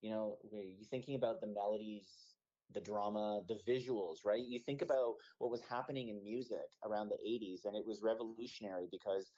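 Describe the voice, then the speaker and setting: A man's voice: on the low side, steady tone, fairly quick, dark tone. A man in his thirties from Canada, a musician being interviewed on the radio, talking thoughtfully with many fillers and restarts. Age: 30s. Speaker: musician guest. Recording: dull lo-fi radio audio.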